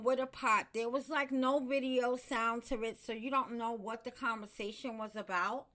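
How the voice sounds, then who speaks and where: A middle-aged woman talks alone on her podcast, emphatic and impassioned, repeating words to drive a point home. Her voice sits high and bright. She speaks slowly and deliberately. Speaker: podcast host. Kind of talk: solo commentary podcast.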